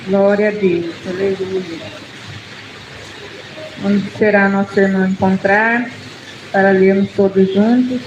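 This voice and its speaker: A woman's voice: medium pitch, fairly even intonation, takes it slowly, pauses often, noisy background. A woman with a Brazilian Portuguese accent preaching and praying before a congregation, in an earnest manner that speaks straight to the church. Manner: earnest, addresses the congregation directly. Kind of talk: sermon and prayer. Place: church hall. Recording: echoey, dull church PA recording.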